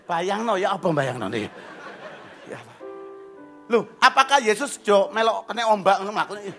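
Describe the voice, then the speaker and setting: Man, pastor, humorous energetic sermon, bright tone. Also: sits high, normal speed, faint music behind, a faint crowd. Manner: energetic, humorous preaching with Javanese slang.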